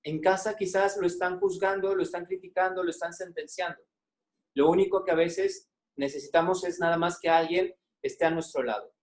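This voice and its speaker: A man gives a webinar talk to teachers, his voice sitting somewhat high for a man. He talks conversationally, leaning on "eh" and "este" fillers. He keeps checking in with the listeners through rhetorical questions. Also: steady tone, fairly quick. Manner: conversational, asks the audience frequent check-in questions. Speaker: psychologist giving a teacher webinar.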